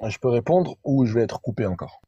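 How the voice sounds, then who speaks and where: A man's voice: medium pitch, expressive, brisk, warm tone, breathy edge, no room sound, highs cut off. A man calling into a live debate, lecturing insistently and repeating his points. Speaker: caller in a debate.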